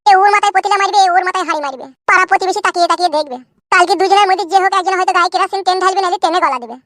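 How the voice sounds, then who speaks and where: A performer's extremely high, slightly bright voice fires rapidly through a cartoon dub as a dramatic, self-pitying young husband. Aggrieved, he wails long complaints crowded with florid images, recorded as clean studio sound with no room sound.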